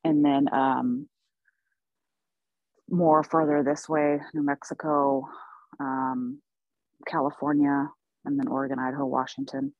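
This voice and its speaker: Female guest, 40s, from Oklahoma; gentle, unhurried, laughs easily; dry, muffled audio. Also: very deep voice, flat delivery, no echo. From United States (Oklahoma). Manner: soft-spoken, laughs often, thoughtful with many ums. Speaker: podcast guest. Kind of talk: casual interview.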